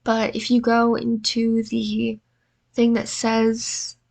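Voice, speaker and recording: A woman's voice: on the high side, completely flat delivery, slow, gravelly, darkish tone. A tired, exhausted-sounding woman with allergy congestion narrates a tutorial in a casual, self-deprecating way. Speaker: video editing tutorial presenter.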